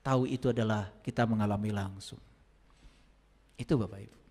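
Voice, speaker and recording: A male spiritual teacher giving a sermon, telling stories and moving from quiet asides to loud, emphatic points. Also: fairly low pitch, steady tone, fairly quick. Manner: storytelling, swings from quiet asides to emphatic raised lines. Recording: long reverb, speaker set back from the mic.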